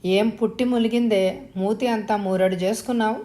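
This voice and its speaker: A woman voicing a rough but caring village rowdy in a spoken audio story, with blunt, teasing speech. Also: mid-range voice, fairly even intonation, fairly quick, mellow, natural voice. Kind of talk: audiobook dialogue.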